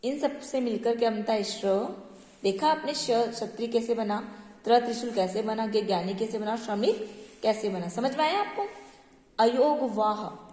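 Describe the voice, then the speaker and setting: A woman's voice: on the high side, expressive, normal speed, a little mellow. A woman teaching a primary school Hindi class, patient and repeating words, asking checking questions. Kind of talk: online class lesson. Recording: echoey room with long reverb.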